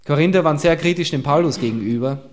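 Male preacher, fairly high voice, earnest, swings between loud emphasis and hushed lines. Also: fast talker. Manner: earnest, emphatic with sudden drops to quiet; asks the listeners direct questions. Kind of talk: sermon.

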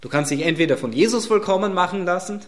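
A man's voice: high voice, lively intonation, quick pace. German man preaching with emphatic swings. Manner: swings from emphatic loud lines to hushed near-whispers; repeats key phrases for emphasis. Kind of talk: sermon.

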